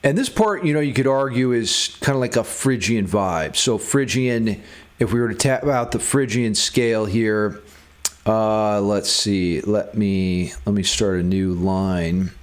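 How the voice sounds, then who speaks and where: Speaking at a measured pace in a fairly low voice, a man teaches music theory casually as a guitar instructor, musing aloud while demonstrating. An electric guitar can be heard behind him.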